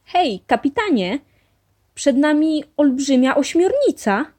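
A woman reading a storybook aloud, voicing a boisterous young boy who lively calls out challenges to his friends. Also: high voice, slow pace, pitched above the performer's own voice, exaggerated voice.

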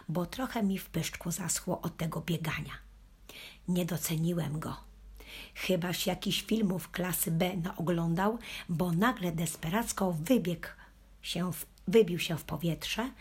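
An audiobook reader with a fairly low, husky voice reads a children's story aloud, speaking in the first person as a playful puppy. Her storytelling has a wry flavor.

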